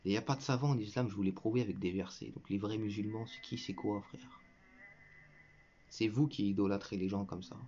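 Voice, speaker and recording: An online religious commentator with a fairly low, mellow, steady voice delivers a combative reaction monologue to viewers, briskly ranting at an opponent he addresses directly as "tu." He lectures, scolds and mocks with scorn and bursts of derisive laughter. The recording is muffled and lo-fi, dull, with a little hiss or hum.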